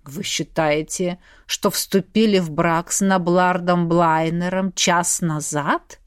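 Patient official, lower and unhurried, polite; read by a woman, dry audiobook. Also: lively intonation, no echo. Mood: calm polite. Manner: slow, measured and gentle. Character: calm, polite middle-aged male clerk.

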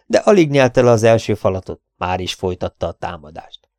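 A man narrating an audiobook in the first person, steady and measured, on a close studio mic. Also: fairly low pitch, no room sound.

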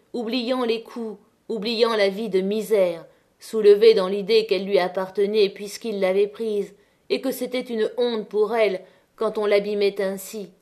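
A woman narrating a classic novel as an audiobook, with measured, dramatic reading. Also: mid-range voice, a little mellow. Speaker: audiobook reader.

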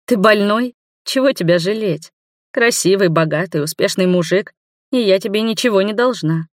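A woman's voice: lowish voice, normal speed, dry recording, natural voice. A reader voicing a tired, blunt middle-aged woman who answers dryly and curtly. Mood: weary, curt. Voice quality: dry, curt. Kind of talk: audiobook dialogue.

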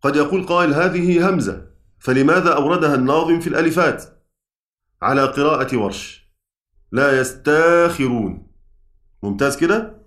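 A man with an Egyptian Arabic accent teaching a class, chanting verses slowly and checking his students' understanding with quick questions. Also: fairly high pitch, fairly bright tone. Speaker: Quran recitation teacher. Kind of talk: classroom lesson explaining a poem. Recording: echoey room, voice from far off.

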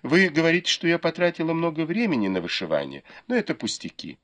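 A man voicing a gentle, patient young maid who speaks quietly and politely. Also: fairly high pitch, huge pitch swings, fast, pitched above the performer's own voice. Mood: soft, deferential.

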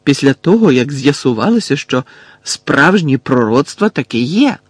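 A man's voice: medium pitch, sing-song, moderate pace, slightly rough, no echo. A man reading an audiobook, voicing a clever and earnest schoolgirl who asks eager questions. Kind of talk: audiobook character voice.

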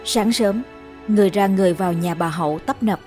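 A woman storyteller narrating a ghost story in a calm, measured way. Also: mid-range voice, faint music behind.

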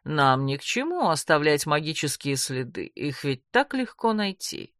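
A woman's voice: sits low, sing-song, a bit bright, no echo, clean studio sound, voice pushed down, full character voice. Woman voicing a cold, menacing male cult leader. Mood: cold menace. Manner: cold, slow, threatening.

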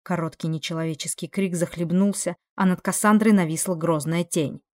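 A woman's voice: on the low side, fairly even intonation, fairly quick. A woman narrating a dramatic fantasy audiobook expressively, acting out the dialogue. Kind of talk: dramatic fiction reading.

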